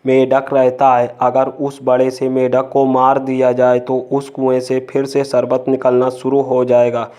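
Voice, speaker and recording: Grumbling male demon, read by a man, sleepy, storybook tale, flat monotone delivery. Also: mid-range voice, a little slow, hardly any pauses, clean tone, natural voice. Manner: flat, even reading.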